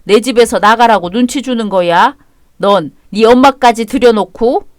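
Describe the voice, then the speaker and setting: An actor playing a gruff bossy father-in-law. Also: mid-range voice, normal speed, dry recording, clean studio sound, natural voice. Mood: scolding. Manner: gruff, commanding, scolding. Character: blunt domineering father-in-law, older man.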